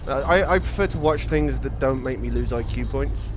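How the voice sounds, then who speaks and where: A man's voice: medium pitch, normal speed, background noise. Dry, sarcastic young British man. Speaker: friend on call. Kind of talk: casual chat.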